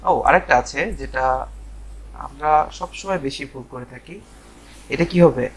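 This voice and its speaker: A man from Bangladesh teaching a live online pronunciation class, repeating words and spelling them out letter by letter, with drawn-out fillers. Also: mid-range voice, low-quality recording. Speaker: English teacher.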